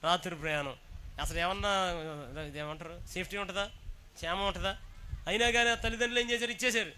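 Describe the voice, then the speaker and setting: A high-pitched male preacher with a bright, cutting voice, delivering a call-and-response sermon. He urges the crowd to answer loudly and bursts into shouted praise. Faint noise sits under the recording. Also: fairly even intonation, fast.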